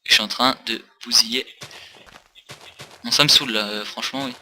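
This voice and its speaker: A man's voice: medium pitch, steady tone, moderate pace, pushed and bright, a little hiss or hum. A tired man rambling through casual gaming commentary with many hesitations, recorded on a desk mic for a facecam. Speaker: let's play host.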